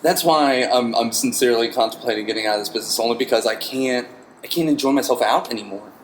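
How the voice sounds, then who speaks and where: A man hosting a podcast, a bartender telling stories in a casual, animated way and swearing freely. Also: mid-range voice, quick pace, a little hiss or hum, poor audio. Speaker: podcast host. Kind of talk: casual chat.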